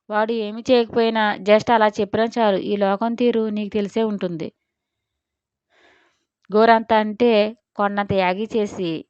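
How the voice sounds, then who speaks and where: A woman's voice: medium pitch, darkish tone, clean tone, no room sound, highs cut off, close to an everyday voice. A woman voicing a firm, earnest young man.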